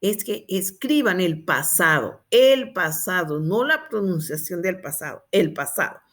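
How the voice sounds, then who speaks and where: A woman teacher at a slow, unhurried pace. Her pitch rises and falls a great deal as she patiently repeats each word for her students. Her delivery is clear and explanatory. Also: lively intonation, a bit bright. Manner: patient, repeats words slowly for pronunciation practice. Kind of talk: slow explanatory English lesson in Spanish.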